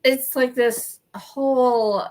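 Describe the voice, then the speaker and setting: Woman, hoarse, fading voice, animated, chatty co-host. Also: sits high, slow. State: hoarse, losing her voice. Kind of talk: casual chat.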